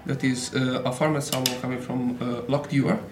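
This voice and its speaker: A man's voice: medium pitch, flat delivery, normal speed. A man working as a waiter, politely describing a dish to diners in a restaurant. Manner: polite, informative service talk. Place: busy restaurant. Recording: echoey room with crowd chatter.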